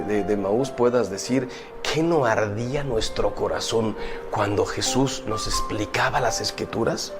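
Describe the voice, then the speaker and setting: Priest giving a sermon, asks lots of questions, gets really animated, faint music under it. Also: male voice, medium pitch. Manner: emphatic, questioning, animated preaching.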